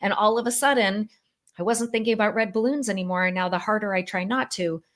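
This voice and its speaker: A middle-aged woman psychologist appears as a podcast guest, explaining ideas in an animated, conversational way. Her mid-range voice moves quickly, sprinkled with fillers like "like" and "you know."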